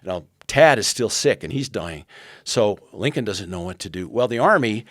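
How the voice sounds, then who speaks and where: An American man in his sixties, a podcast guest, earnestly retells a historical story, quoting the people involved. His voice is on the low side and a bit bright, with lively intonation at a moderate pace, in a dry, studio-quality recording.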